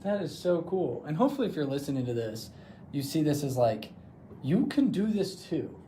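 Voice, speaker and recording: A man's voice: a little high, big pitch swings, normal speed, mellow, a little hiss or hum. A man hosting a podcast, talking in a casual, encouraging way. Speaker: podcast host. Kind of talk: casual conversation.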